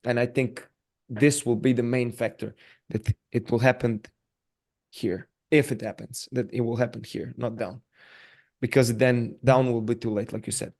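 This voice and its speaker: A man hosting a casual podcast interview, halting and full of fillers and repeated words. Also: mid-range voice, fairly even intonation, vocal fry, darkish tone.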